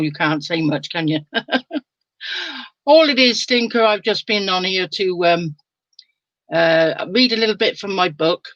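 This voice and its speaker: A woman's voice: fairly low pitch, fairly bright tone, dry recording, dull audio. An older woman hosting a casual live stream from home, chatting with viewers, reading their comments aloud and laughing often. She sounds sleepy and yawns now and then. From England. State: sleepy, yawning.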